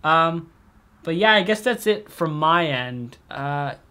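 Teen boy playing a petty survivor, rambling, self-interrupting, bright tone, very lively pitch. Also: slow pace, slight background noise, full character voice. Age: teens. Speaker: survivor recording a video message. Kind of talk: comedic short-film acting.

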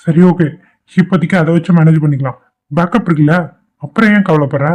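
A man voicing a supportive young colleague in a cartoon who calms his friend down. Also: a little high, a little fast, natural voice. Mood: reassuring. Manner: calming, supportive. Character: reassuring young office colleague. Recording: dull lo-fi cartoon audio.

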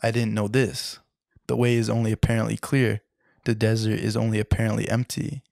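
Lecturer reading text aloud; deep, gravelly, flat delivery, trips over words and self-corrects; dry close sound. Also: male voice, a little fast, no room sound. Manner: stumbles and corrects himself, apologizes mid-reading. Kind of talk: unscripted reading of a book passage.

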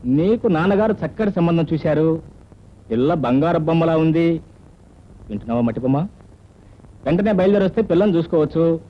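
A man's voice: on the high side, fairly quick, long pauses, lightly acted. An actor playing a playful, teasing young man who dotes on his sweetheart in an old film dialogue scene. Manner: teasing, affectionate, lively. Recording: dull lo-fi film soundtrack, faint music.

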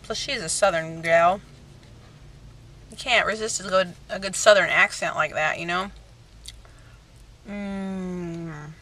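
A woman's voice: lowish voice, normal speed, bright, forceful tone, a little hiss or hum. A woman in her thirties chatting casually and rambling to camera from inside a car. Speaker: vlogger. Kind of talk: casual chat. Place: in a car on a road trip.

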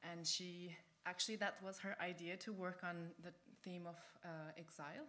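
Hesitant woman with a bright voice. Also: fairly low pitch, level tone. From Uyghur region, China. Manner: halting, with many fillers and restarts. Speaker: event curator introducing the speaker. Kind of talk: onstage introduction.

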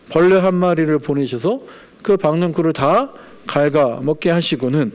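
A male pastor preaching a sermon who retells a story in a lively, colloquial way and puts questions to the congregation. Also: high voice.

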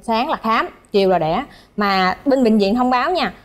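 A young woman, telling a story in a lively, chatty way as a guest on a dating show. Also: fairly high pitch, normal speed. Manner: animated, chatty, laughs while telling. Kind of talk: casual storytelling.

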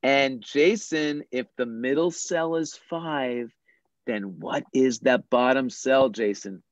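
Slow, patient math teacher over a dull call. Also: medium pitch, no echo. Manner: slow, patient, deliberate explaining. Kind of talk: teaching young children in an online class.

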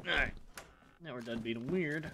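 A man's voice: mid-range voice, bright, forceful tone, slight background noise. A man chatting casually while playing a co-op game, joking and swearing with his partner. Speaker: gamer.

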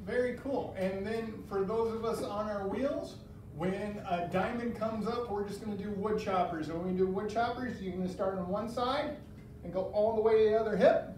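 A man in his thirties leads an adaptive fitness class, calling out upbeat step-by-step cues and encouragement in a high-pitched, darkish voice at a moderate pace. He's picked up by a far-off camera in a large, bare indoor room that echoes heavily, with slight background noise.

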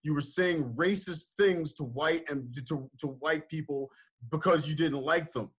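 A man hosting a confrontational podcast conversation, speaking firmly and insistently and cutting in again and again to hold the floor. His voice sits a little high for a man. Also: unhurried, a bit bright, slightly rough. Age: older than guest. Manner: firm, insistent, repeats name to interrupt. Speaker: podcast host.

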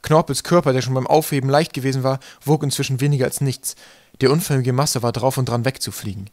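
A man reading an audiobook in calm, steady narration. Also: medium pitch, fast talker, no echo, studio quality. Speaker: audiobook reader. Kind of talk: scripted narration.

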